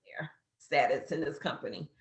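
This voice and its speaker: A woman's voice: low-pitched, fairly quick, roomy sound, crowd noise. A woman in her fifties casually walking a beginner through an app step by step, chatty with fillers. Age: 50s. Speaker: business coach teaching social media. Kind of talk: casual how-to walkthrough.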